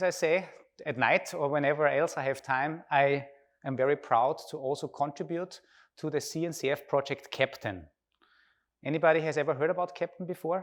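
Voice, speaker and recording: An Austrian man, a native German speaker with an Austrian accent, gives a conference talk in an informal way. His voice is medium-pitched, and he draws his audience in by asking them questions.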